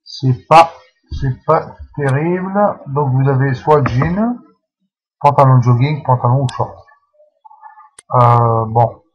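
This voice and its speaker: A man talks viewers through a game in a casual, unscripted way, stopping and restarting often. His delivery is slow and unhurried. The recording sounds dull and lo-fi. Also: medium pitch. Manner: hesitant, full of fillers and restarts. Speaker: channel host explaining a game.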